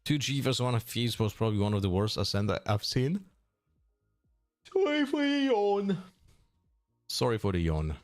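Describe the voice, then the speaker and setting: A man casually chatting on a live stream, reading and answering chat in a relaxed, mumbling way that trails off. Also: lowish voice, fast talker, hardly any pauses, soft background music.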